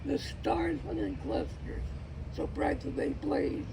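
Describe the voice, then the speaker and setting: A man with a folksy cowboy drawl, reciting rhyming cowboy poetry like a storyteller in a gravelly voice. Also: extremely high pitch, huge pitch swings, slow pace, background noise.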